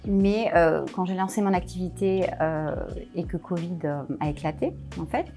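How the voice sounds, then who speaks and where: A woman's voice: on the low side, normal speed, dark tone, soft background music. A woman business coach chatting casually in an interview, hesitant with many fillers and restarts.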